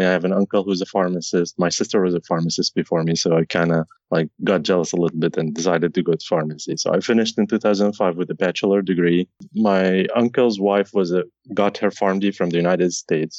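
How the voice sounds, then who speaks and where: Very deep-voiced man from Syria, dull sound. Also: darkish tone, no room sound. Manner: earnest, with frequent restarts. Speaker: guest, informatics pharmacist. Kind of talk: podcast interview.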